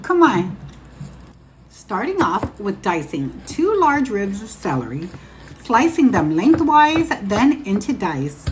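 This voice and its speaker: A woman's voice: medium pitch, slight background noise, poor audio. A woman from Guam hosting a home cooking show, narrating a recipe in a chatty, instructional way and speaking straight to viewers.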